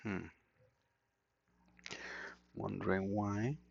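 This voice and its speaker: Extremely slow and fairly low-pitched, this man's voice holds a steady tone with vocal fry and a slight roughness. He is a Costa Rican native Spanish speaker with a Costa Rican accent, informally muttering to himself as he does an electronics repair at an indoor workbench. The recording comes from an action camera mic and sounds dull and lo-fi.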